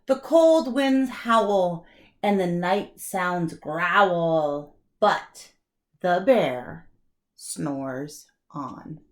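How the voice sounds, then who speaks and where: A woman reading a children's storybook aloud like a kindergarten teacher, expressive, with deliberate dramatic pauses and emphasis. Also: fairly low pitch.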